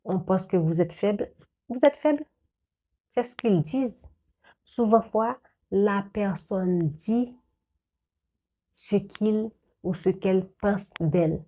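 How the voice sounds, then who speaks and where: A young woman creator talks to camera slowly, with long pauses, in a mellow voice of medium pitch. She lectures her viewers earnestly on life, repeatedly restarting and saying words twice.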